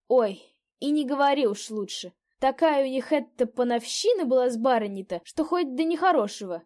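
A woman's voice: high voice, animated, a little mellow, pitched above the performer's own voice. A woman reading a story aloud, voicing a fussy, gossiping old peasant innkeeper woman. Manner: fussy, fawning, quick to exclaim. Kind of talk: audiobook character voice.

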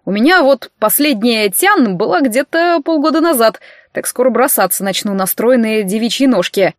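A playful young man with a theatrical streak who loves to tease his old friend, as a woman reads him. He sounds sly and mock-offended, in a fairly high voice recorded dry and close. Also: lively intonation, normal speed, no echo, natural voice. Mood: teasing.

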